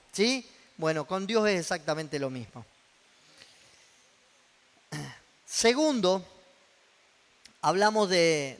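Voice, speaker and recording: A man's voice: high voice, fairly bright tone, big-room sound. A male pastor with a Rioplatense Spanish accent, preaching a sermon and putting questions to the congregation. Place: church hall.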